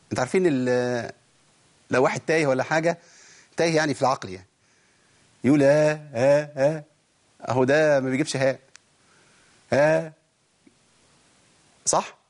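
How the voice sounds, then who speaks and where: In a recorded lesson, a man with an Egyptian Arabic accent teaches Quran recitation in a medium-pitched voice. He asks rhetorical questions and draws out example words slowly to demonstrate them.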